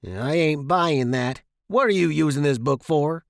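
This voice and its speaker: For an audiobook, a male narrator voices a crude, bullying working-class father who is coarse, blustering, short-tempered and slangy, with a suspicious mood. His medium-pitched voice swings widely in pitch at a measured pace. The sound is close and dry, with no echo.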